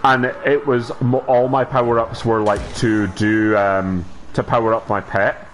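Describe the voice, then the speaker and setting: A man chatting casually while playing a co-op video game, with a hesitant, low-key way of talking. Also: flat delivery, measured pace, a little hiss or hum, low-quality recording. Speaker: gamer playing co-op. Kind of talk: casual gameplay chat.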